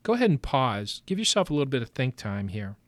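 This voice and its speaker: A man's voice: medium pitch, sing-song, dry recording. A man teaching a reading lesson and patiently guiding students through note-taking, with many fillers and restarts. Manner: patient, instructive, with frequent fillers and pauses.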